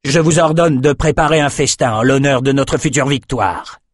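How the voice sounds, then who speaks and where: Brief: menacing warlord king voiced by a man, forceful and raised, dry sound. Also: mid-range voice, moderate pace, no echo, pitched above the performer's own voice, close to an everyday voice. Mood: commanding. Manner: commanding, menacing. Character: brutal barbarian king, furious and savage.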